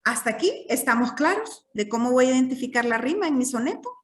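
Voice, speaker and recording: A woman's voice: sits high, very animated, fast, distant mic. A woman teaching a literature class, explaining patiently and checking in with her students often.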